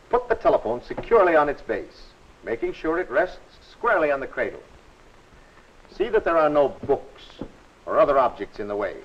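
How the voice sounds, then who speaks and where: A man narrating a 1940s instructional film in a friendly, instructive and measured way. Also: mid-range voice. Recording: dull old film soundtrack.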